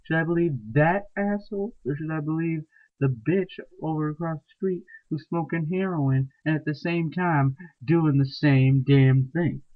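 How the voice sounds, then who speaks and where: Man for a crude comic rant. Swears and mocks constantly, slightly high voice, thin phone-quality audio. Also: measured pace. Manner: profane, ranting, mocking. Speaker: storyteller. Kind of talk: comedic ranting monologue. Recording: tinny phone-like recording.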